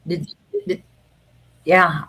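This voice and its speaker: A woman's voice: fairly low pitch, expressive, drawn-out words, bright, forceful tone, breathy edge. A woman speaking casually as a guest caller on a live show.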